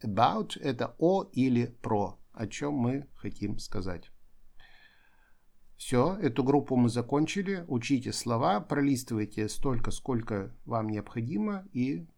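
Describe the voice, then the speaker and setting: Man, gravelly voice, calm explanatory teacher, repeats each word clearly. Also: medium pitch, a little slow. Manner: explanatory, repeats English words for pronunciation practice. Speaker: English teacher. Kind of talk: vocabulary lesson.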